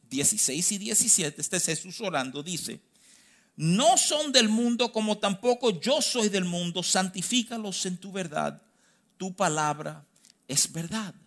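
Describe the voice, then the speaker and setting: A man with a Dominican accent preaching a sermon, stressing key phrases slowly and then rushing through quick asides. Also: high voice, sharp tone. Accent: Dominican Spanish. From Dominican Republic. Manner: emphatic, swinging between slow stressed phrases and quick asides.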